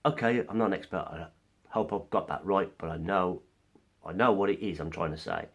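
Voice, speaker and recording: Fairly quick and slightly rough, the man's deep voice sounds as if its highs are cut off. Suffering from a cold that makes him cough occasionally, he gives an earnest opinion monologue as a vlogger, explaining through analogies.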